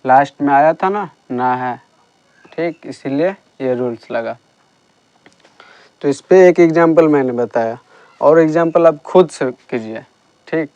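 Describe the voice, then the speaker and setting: Slow, smooth-voiced male teacher. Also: a little high, darkish tone, no echo, lo-fi sound. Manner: slow, patient explaining with repeated checks. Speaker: English teacher. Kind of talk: classroom grammar lesson.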